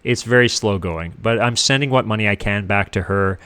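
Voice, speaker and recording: A middle-aged man from Canada, a guest casually telling his life story in an animated way, acting out what others said. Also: on the low side, a little fast, smooth. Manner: animated, acts out what people said.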